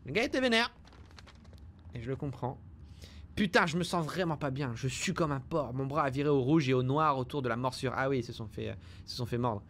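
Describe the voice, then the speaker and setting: A young man giving casual, joking and excitable game commentary in slang, jumpy when startled. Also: mid-range voice, brisk, slight background noise. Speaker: game streamer. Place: indoor room at home. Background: game sounds.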